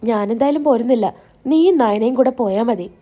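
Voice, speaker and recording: A woman's voice: on the high side, animated, normal speed, mellow. A woman voicing a firm matriarch who settles family business decisively. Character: firm older matriarch favoring one daughter-in-law.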